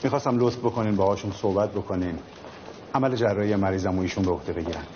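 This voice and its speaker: A man's voice: lowish voice, close to an everyday voice. An actor playing a polite man begging for help with his patient's surgery, in dubbed film dialogue. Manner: polite, pleading. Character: earnest middle-aged man pleading for help. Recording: dull film soundtrack with noise.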